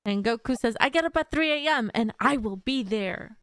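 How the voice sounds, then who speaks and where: A woman's voice: a little high, expressive, moderate pace, a bit bright, no room sound. A woman host reading out viewer questions and comments during a live interview, laughing often between lines. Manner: giggly, reads comments aloud. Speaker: channel host.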